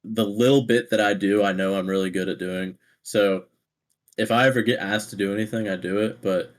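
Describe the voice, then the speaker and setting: Podcast co-host, male, lower voice, loose rambling casual chat. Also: fairly even intonation, fairly quick. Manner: rambling, restarts often, laughs easily.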